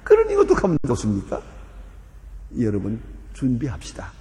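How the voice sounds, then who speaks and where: Older pastor preaching with lively pitch. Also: male voice, normal speed. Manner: lively storytelling with sudden loud emphasis. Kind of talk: sermon. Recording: long reverb of a church hall.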